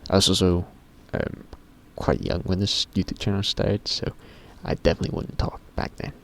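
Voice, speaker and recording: This teen YouTuber's voice is very deep yet a bit bright and creaky, moving at a moderate pace. Rambling to camera in a casual vlog, he keeps stopping himself partway through sentences and drops swear words carelessly.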